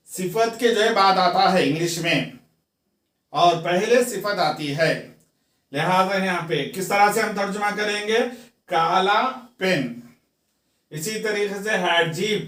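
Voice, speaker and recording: A man's voice: sits high, fairly bright tone. A man with a Pakistani Urdu accent teaching English grammar to beginners. He spells words out letter by letter and asks questions that he answers himself. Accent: Urdu-speaking, Pakistani. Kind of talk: classroom grammar lesson. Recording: echoey room, voice far from the mic.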